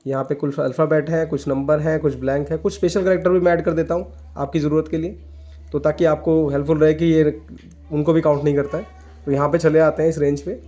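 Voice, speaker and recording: A man's voice: a little high, level tone, fast, warm tone. Man explaining a spreadsheet tutorial. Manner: explains step by step, mixing English terms into Hindi, often says "ठीक है". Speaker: computer tutor. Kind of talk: screen-recorded software tutorial.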